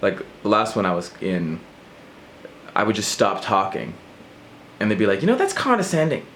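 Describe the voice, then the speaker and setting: A man's voice: fairly low pitch, steady tone, normal speed, a bit bright, slight background noise. A man vlogging in a casual rant to camera, rambling and self-mocking as he jumps between thoughts.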